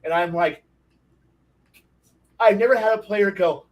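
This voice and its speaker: A man with a high voice spins animated, profane stories about brutal moments at his gaming table. He talks at some distance from the microphone, so the sound is a little remote. His storytelling dwells on gory detail in a relaxed panel chat. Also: a little slow. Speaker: game master on a discussion panel. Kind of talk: casual panel discussion.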